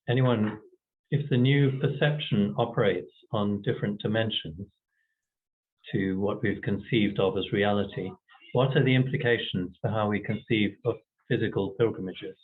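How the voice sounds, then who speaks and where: A man's voice: lowish voice, fairly even intonation, unhurried, narrow, tinny audio. A man hosting an event, speaking off the cuff in a hesitant, politely appreciative way. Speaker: host relaying audience questions. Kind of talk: event moderation, spontaneous speech.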